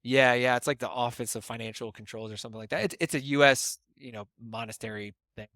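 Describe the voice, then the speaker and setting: A man's voice: mid-range voice, fairly even intonation, fast talker, fairly bright tone, no echo, studio quality. A man co-hosting a casual podcast, explaining at length and often checking in with "right?". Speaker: podcast co-host explaining bitcoin mining.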